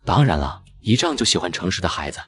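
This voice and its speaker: A man playing a young uncle, a company boss, who teases a little boy in an animated drama. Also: sits low, fast talker. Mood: teasing. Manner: playful teasing.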